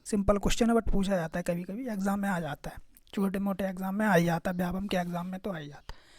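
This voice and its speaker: A male exam-prep teacher talks through a casual lesson in a dark, mellow voice. He keeps checking in with "okay" and "remember this", quizzing his listeners as he goes. The sound is dry and close, with no room around it. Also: sits high, fairly even intonation, fast, dry recording.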